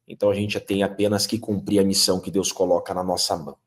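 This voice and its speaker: A Brazilian lawyer in his 30s from Curitiba lectures emphatically on legal matters, throwing out rhetorical questions as he goes. His voice is deep and fast, with little pitch movement.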